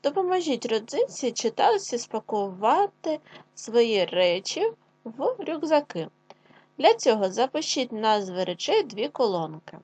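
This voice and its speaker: A woman primary school teacher with a Ukrainian accent, leading a classroom lesson and spelling out sounds clearly. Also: on the high side, big pitch swings, darkish tone. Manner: slow, clear, drawn-out dictation with sounds spelled out.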